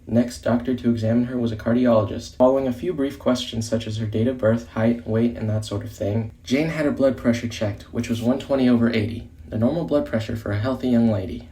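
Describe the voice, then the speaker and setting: A man reading a story dramatically, narrating in a deliberate, theatrical way. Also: mid-range voice, fairly even intonation, mellow, husky, low-quality recording.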